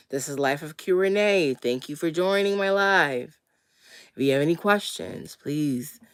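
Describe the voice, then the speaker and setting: A woman's voice: low voice, no room sound, studio quality. A slightly wheezy woman getting over a cold, chatting casually as she hosts a question-and-answer livestream in a laid-back manner. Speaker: livestream host.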